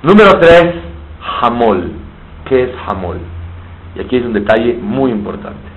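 A man's voice: mid-range voice, very animated, measured pace. Man teaching a sermon. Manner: explains terms in Hebrew and Spanish, asks and answers his own questions. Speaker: rabbi teaching Torah. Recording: slightly dull, faint background hiss.

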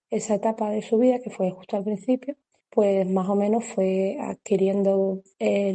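Mom, really dark mellow voice, talks slow with lots of ums. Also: female voice, mid-range voice. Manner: measured, hesitant with many hums. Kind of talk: casual testimonial.

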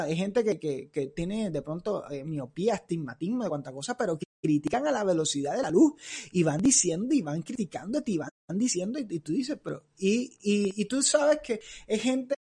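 A man's voice: sits high, warm tone, husky. A man giving an informal sermon in a conversational way, stumbling and repeating words as he goes. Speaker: preacher.

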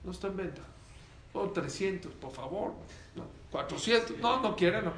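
A man's voice: sits high, lively intonation, moderate pace, a bit bright, echoey room. A man voicing a shrewd merchant who teases and bargains in a storytelling sermon. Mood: bargaining.

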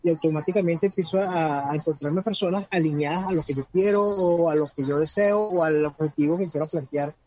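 Man, earnest advice, mellow tone, dull lo-fi recording with faint hiss. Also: on the high side, brisk, hardly any pauses. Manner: earnest, repeats words while searching for them. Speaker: guest speaker on personal growth. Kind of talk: casual conversational advice. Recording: dull lo-fi sound with faint background noise.

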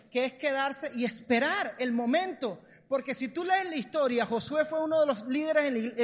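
A Colombian man preaching a sermon in a church hall, animated and lively. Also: extremely high pitch. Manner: animated, acts out comic voices. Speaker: pastor. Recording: long hall reverb.

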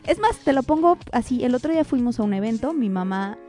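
A woman's voice: a little high, lively intonation, quick pace, dark tone, faint music behind. A woman with a Mexican accent telling a funny story on a radio show, acting out her mother's voice. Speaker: radio host.

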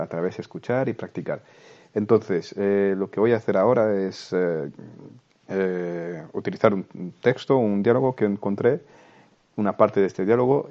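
A man's voice: deep voice, warm tone, muffled recording. A man teaching a podcast language lesson, explaining step by step with patient repetition. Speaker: French teacher.

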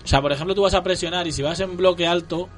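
Opinionated football fan. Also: male voice, high voice, fast, soft background music. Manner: opinionated, animated, fan of the team. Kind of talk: casual football chat.

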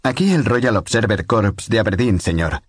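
A man voicing a young military radio operator who is formal, slow and deferential. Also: lowish voice, lively intonation, husky, no echo, studio quality, pitched above the performer's own voice.

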